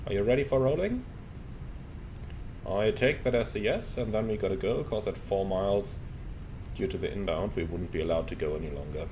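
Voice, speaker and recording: Man, low-voiced pilot on cockpit headset. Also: fairly quick. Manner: calm, crisp call-outs, relaxed asides. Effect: pilot speaking into a cockpit headset mic. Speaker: airline pilot. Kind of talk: cockpit checklists and radio calls with commentary to viewers. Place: airliner flight deck. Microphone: headset boom mic. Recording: steady cockpit air and engine hum.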